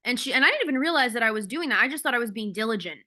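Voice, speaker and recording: A woman's voice: fairly high pitch, animated, racing, bright, forceful tone. A woman coach giving a casual, candid talk on a video call, blunt and swearing freely. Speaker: ADHD coach.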